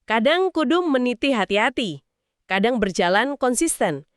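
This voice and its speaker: A woman's voice: on the high side, big pitch swings, moderate pace, no echo, clean studio sound. A woman co-hosting a podcast who sums up points and asks friendly follow-up questions. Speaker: podcast co-host. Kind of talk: casual explanatory discussion.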